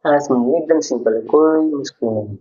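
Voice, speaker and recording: A man's voice: medium pitch, moderate pace, dark tone. A man teaching a school maths lesson, patiently explaining each step and asking the class questions as he goes. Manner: patient, repeats questions to students. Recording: dull lo-fi recording.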